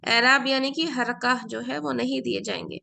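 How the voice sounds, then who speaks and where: A woman with a slightly high, bright, forceful voice and some vocal fry teaches an online Arabic class at a normal speed. A native Urdu speaker, she explains patiently, repeats key words, and slips into English phrases.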